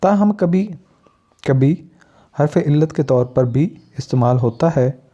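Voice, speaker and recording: Slow, dark-voiced male teacher. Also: a little high, lively intonation. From Pakistan. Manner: deliberate, lists example words one by one. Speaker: English teacher. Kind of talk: spoken pronunciation lesson. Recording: dull lo-fi recording.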